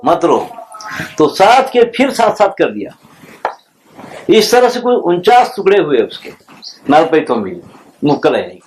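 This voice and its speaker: A man giving an informal lecture, telling scripture stories in an unhurried, discursive storytelling way. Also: sits high, darkish tone. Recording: noisy archival recording.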